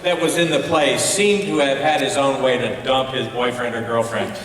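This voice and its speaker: A medium-pitched man, a festival adjudicator, gives informal feedback on plays at a school awards ceremony, halting and searching for words. He's caught by a distant microphone in a large, very echoey hall, with crowd noise around him.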